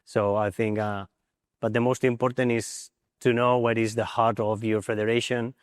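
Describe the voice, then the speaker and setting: A man's voice: medium pitch, flat delivery, moderate pace, clear, resonant tone, no echo, studio quality, in a large hall. A man, an assistant coach on a panel, speaking thoughtful, hesitant English with frequent fillers. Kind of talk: panel interview on stage.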